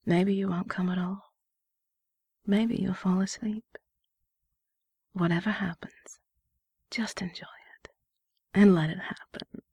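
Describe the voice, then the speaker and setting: A woman whispering slow, soothing guided relaxation instructions as a hypnotist. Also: lowish voice, vocal fry, a little mellow, husky, no echo.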